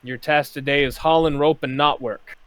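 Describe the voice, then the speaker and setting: A man voicing a stern pirate bosun who barks gruff orders at his deckhands in a tabletop game. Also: fairly high pitch, fairly even intonation, normal speed, dry recording, close to an everyday voice. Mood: barking orders. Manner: loud, gruff commands.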